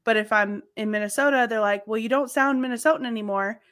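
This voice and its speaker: A Southern American woman co-hosts a podcast, chatting casually and laughing often as she tells stories. Her voice is slightly high and a bit bright, and she talks fast.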